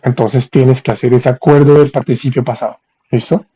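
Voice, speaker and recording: A man teaching French in on a live stream, reading viewers' comments and saying French examples slowly. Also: mid-range voice, steady tone, mellow, slightly rough. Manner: reads viewers' chat, thanks them for gifts, spells French slowly. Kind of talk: live-streamed language lesson.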